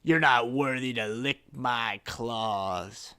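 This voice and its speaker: A man voicing a huge, arrogant male murloc chieftain who shouts in broken speech. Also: medium pitch, slow, smooth. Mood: sneering insults.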